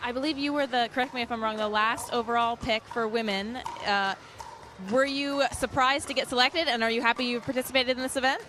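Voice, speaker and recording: A woman's voice: on the high side, fairly even intonation, a little fast, pushed and bright, slight background noise. A woman working as a sideline reporter, asking players friendly questions courtside. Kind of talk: courtside interview.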